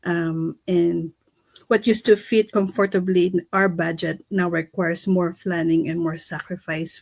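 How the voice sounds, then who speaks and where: A woman from the Philippines co-hosting a talk show, speaking hesitantly with frequent pauses and restarts. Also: lowish voice, a little mellow, no echo. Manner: hesitant, many um's and restarts. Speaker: co-host.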